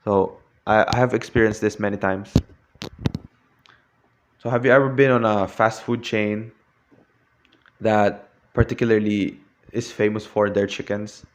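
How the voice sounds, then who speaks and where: A young man with a lowish voice delivers a prepared classroom talk. He stumbles often, restarting words and filling gaps as he goes. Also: fairly even intonation, a little slow, pauses often, slight background noise. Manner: hesitant, frequent restarts and fillers.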